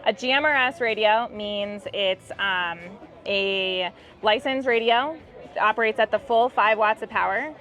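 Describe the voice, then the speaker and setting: Unhurried and a little bright in her mid-range voice, a woman representing a company walks through a product demo during an interview. She keeps it upbeat and informal, over background music in muffled, band-limited audio.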